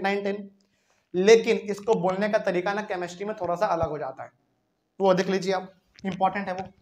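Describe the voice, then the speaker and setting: Hindi-speaking man teaching chemistry. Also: high voice. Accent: Bihari Hindi. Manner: explains step by step, asks the class questions. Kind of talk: whiteboard chemistry lesson.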